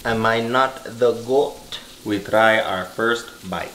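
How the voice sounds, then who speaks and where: A man's voice: fairly low pitch, takes it slowly, a bit bright, a little hiss or hum. A young man in his twenties hosting a home cooking vlog, joking in a mock-formal broken chef talk. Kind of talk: joking cooking show narration. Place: small home kitchen, indoors. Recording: echoey kitchen with sizzling pan.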